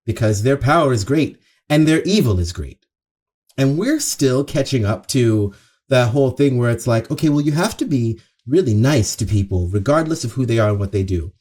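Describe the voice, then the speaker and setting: Animated, husky man hosting a monologue. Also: mid-range voice. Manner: earnest, emphatic, conversational, with pauses and repetition for stress. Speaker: show host. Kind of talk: opening monologue, half-scripted social commentary.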